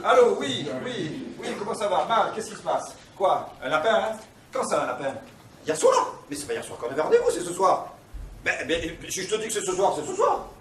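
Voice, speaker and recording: An actor playing a harried man arguing on the phone, exasperated and breaking into shouts, in a stage farce. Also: high voice, wildly swooping pitch, moderate pace, a little hiss or hum. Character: harried middle-aged man bickering on phone. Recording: roomy stage sound from far off, loud audience.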